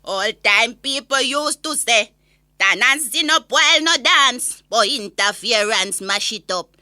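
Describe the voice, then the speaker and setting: Woman playing a bright, high-voiced ranting Jamaican granny. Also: a little slow, no room sound, clean studio sound, heavily acted. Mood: knowing. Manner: gossipy, exasperated, animated storytelling. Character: opinionated elderly Jamaican granny, complaining and indignant. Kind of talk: comic monologue rant in an audio story.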